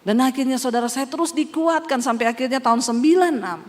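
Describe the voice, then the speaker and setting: A woman's voice: high-pitched, fast talker. A woman pastor in her forties from Central Sulawesi, earnestly telling her testimony in a sermon and addressing listeners as brothers and sisters. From Poso, Central Sulawesi, Indonesia. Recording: long hall reverb.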